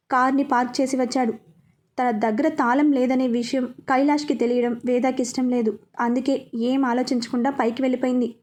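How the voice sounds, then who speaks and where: A woman narrating a romantic story in an unhurried, even storytelling voice. Her voice is high and mellow.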